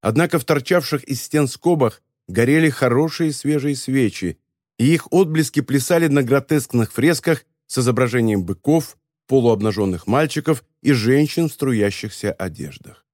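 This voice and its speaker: A man reading a story as an audiobook narrator, in an even, measured telling. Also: medium pitch, no room sound, clean studio sound. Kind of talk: scripted narration.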